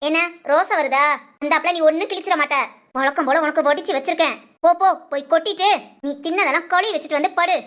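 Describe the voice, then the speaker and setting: A bitter young mother who scolds and complains nonstop, played by a woman. Her voice is high and bright, and her nagging comes fast and cutting in a homespun short drama.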